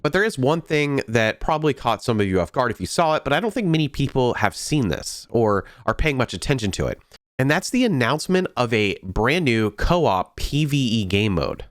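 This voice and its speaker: A man hosting a game update video, sounding nasal from a head cold, talking in a steady, thoughtful way. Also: medium pitch, moderate pace, no echo, studio quality. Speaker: gaming video host. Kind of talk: scripted game update commentary.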